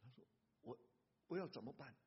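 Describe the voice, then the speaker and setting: Husky-voiced man preaching in a reverberant hall. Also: medium pitch, brisk, highs cut off. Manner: animated preaching, sings hymn lines. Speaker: pastor. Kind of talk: sermon.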